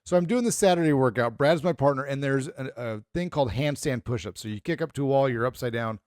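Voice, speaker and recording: A man's voice: mid-range voice, quick pace, no room sound, studio quality. Rambling middle-aged man telling stories. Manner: rambling storyteller, animated retellings. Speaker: podcast co-host. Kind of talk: casual chat.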